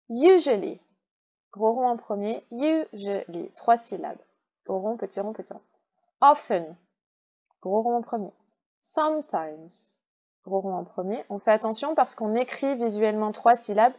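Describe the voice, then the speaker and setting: A woman with a French accent and a slightly high, warm voice teaches English in a recorded online class. She explains things patiently one step at a time and slows her speech to demonstrate pronunciation, though the audio sounds dull.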